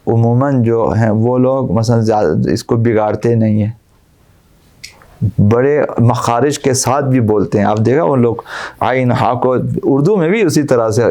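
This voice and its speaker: A male cleric delivering a religious lecture in a gravelly, mellow voice. He recites Arabic verses, then explains them with plain, repetitive examples. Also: mid-range voice. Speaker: Islamic cleric.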